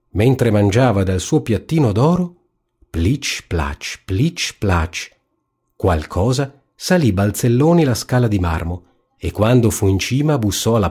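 A man narrating a fairy tale in a calm, even storybook reading. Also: fairly low pitch, breathy edge.

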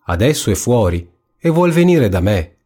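A man's voice: medium pitch, very animated, moderate pace, dark tone, slightly rough. A man voicing a spoiled young princess in a storybook reading, whiny and raised. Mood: pleading.

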